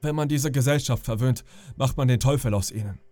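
A man voicing a terse, distrustful ship's captain in a sleep audiobook, short and measured. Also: mid-range voice, dark tone, lightly acted. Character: curt, distrustful male sea captain. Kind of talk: audiobook character reading.

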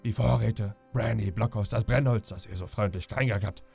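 A man reading an audiobook, voicing a sly, smooth-talking old pirate captain who coaxes with false friendliness. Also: lowish voice, moderate pace, darkish tone, soft background music. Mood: storytelling. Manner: wheedling, falsely friendly with sudden threats.

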